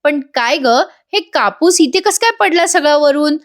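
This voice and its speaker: A motherly woman of the house, questioning the maid, read by a woman reviewer. Spoken in her own fairly high voice, with little change. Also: animated, a little slow. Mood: relieved.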